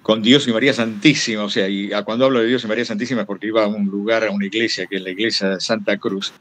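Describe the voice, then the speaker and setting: This man speaks very fast in a lowish, steady, fairly bright voice with a Rioplatense Argentine accent. As a guest storyteller giving a talk, he shares anecdotes in a casual, digressive way, performing the quoted remarks.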